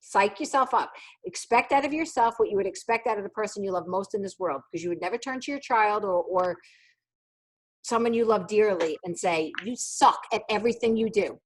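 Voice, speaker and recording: A woman's voice: mid-range voice, fairly quick. A middle-aged woman running a sales training on a video call, blunt, jokey and teasing, often mimicking other people's voices. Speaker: sales trainer leading a new consultant call. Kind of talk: casual motivational training talk on a video call.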